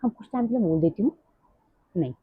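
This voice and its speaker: A middle-aged woman talking fast and rambling in a casual personal vlog. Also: medium pitch, lively intonation, breathy edge, no echo. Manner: rambling, drifts off topic. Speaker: vlogger. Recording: dry, tinny phone-like sound.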